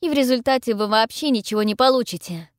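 A woman voicing a defiant young Victorian lady heroine in an audiobook, speaking in a loud, urgent, raised voice. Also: a little high, expressive, fast, no room sound, studio quality, voice pushed up, close to an everyday voice. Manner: pleading then forceful, loud and urgent. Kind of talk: audiobook character voice.

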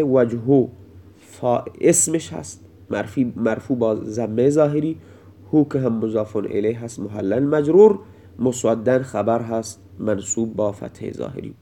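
A man giving a recorded grammar lesson, reading example lines slowly and then explaining them word by word. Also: mid-range voice, mellow. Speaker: Arabic grammar teacher.

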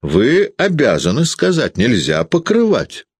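A man's voice: a little high, huge pitch swings, unhurried, creaky, husky, no room sound, voice pushed up, heavily acted. A man voicing a sullen, spiteful middle-aged male schoolteacher who needles and pries. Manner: needling, malicious, prying.

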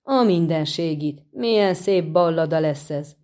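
A woman voicing an eager, excitable male bard in a storybook reading. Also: sits low, natural voice.

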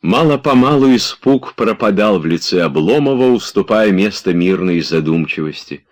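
A man with a very low voice reads a classic novel aloud in calm, measured narration. Steady audiobook delivery.

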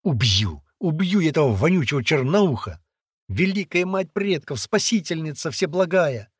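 A man's voice: a little high, very animated, normal speed, breathy edge, no room sound, clean studio sound, voice pushed up. A man reading aloud and voicing a hot-headed, loyal young boy held captive, who blurts and hisses in agitation. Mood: agitated.

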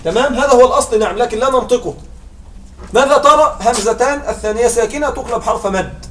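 A man's voice: very high voice, quick pace, fairly bright tone, a little hiss or hum. A man teaching a grammar lesson, drilling examples aloud and checking understanding with frequent questions. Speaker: Arabic morphology teacher. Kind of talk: classroom grammar lecture. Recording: echoey room, far from mic, faint music.

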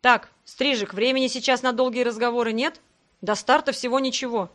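A woman voicing a huge half-troll navigator who talks loudly and excitedly in an audiobook. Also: a little high, a little fast, close to an everyday voice. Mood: eager. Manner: loud and excited.

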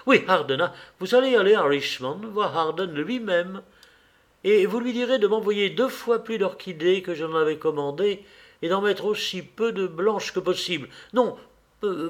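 A man's voice: high voice, pitched above the performer's own voice. A man reading aloud, voicing a charming, coldly commanding young man in an audiobook. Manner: pressing, then lightly casual with the servant.

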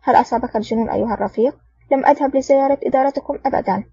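A woman's voice: a little high, flat delivery, fast, gravelly, mellow, breathy edge, no room sound, recorded from a distance. A woman voicing a stern, short-tempered male Soviet general with a curt, commanding manner. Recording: dull lo-fi audio.

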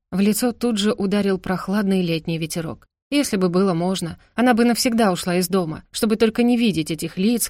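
A woman narrating a novel as an audiobook in a steady, expressive storytelling manner. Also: mid-range voice, no room sound, studio quality.

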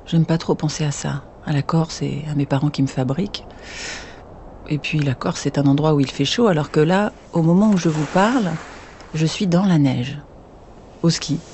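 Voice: medium pitch, moderate pace, darkish tone, slight background noise. A reader telling a children's bedtime story in the first person as a child, with confiding asides to the listener.

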